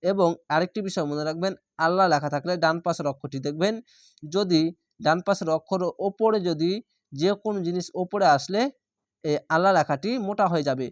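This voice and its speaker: A man teaching Quran reading, spelling each word letter by letter and vowel by vowel, then reciting the whole word in a slow, drawn-out way. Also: sits high, dry recording, clean studio sound.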